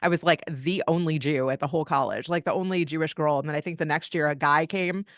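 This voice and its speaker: A podcast guest from Kentucky, this woman tells family stories in an open, chatty manner during a casual interview. Her deep voice holds a steady tone and moves at a quick pace. The studio sound is clean, with no echo.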